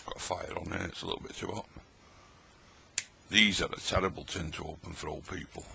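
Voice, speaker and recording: A man's voice: low voice, fairly even intonation, brisk, gravelly, sharp tone, a little hiss or hum. A middle-aged man, chatting and joking in a rambling way while tasting old tinned food at his table late at night. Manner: chatty, rambling, jokey, talks while eating. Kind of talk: casual late-night vlog talk.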